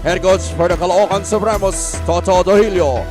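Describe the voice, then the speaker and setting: A man with a Filipino accent announcing player introductions at an indoor basketball arena, stretching out the names in a booming call. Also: steady tone. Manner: drawn-out booming name calls. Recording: arena PA with loud music. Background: loud music.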